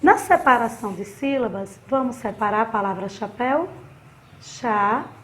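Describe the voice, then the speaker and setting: A woman's voice: a little high, lively intonation, a little fast, fairly bright tone. A woman from Sergipe in Brazil, a primary school teacher giving a recorded remote lesson to children, patient and fond of diminutives.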